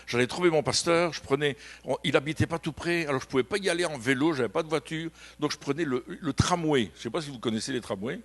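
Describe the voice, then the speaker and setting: A man with a Belgian French accent preaches in a church, slightly high-pitched for a man. His voice leaps up and down as he moves between stories and emphatic exclamations. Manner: emphatic preaching with storytelling, rising to loud exclamations. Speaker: pastor. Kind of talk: sermon.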